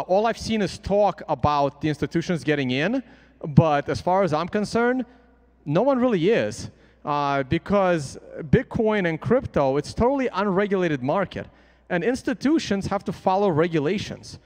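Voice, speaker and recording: A man's voice: sits high, sing-song, moderate pace. A man speaking as a crypto trader on a conference panel, blunt and opinionated. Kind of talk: panel discussion. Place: conference stage. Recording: reverberant conference hall.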